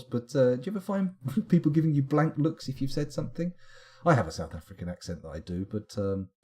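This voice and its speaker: Late at night, a tired-sounding man from England streams a game and rambles casually while answering his chat. His voice is on the low side and warm.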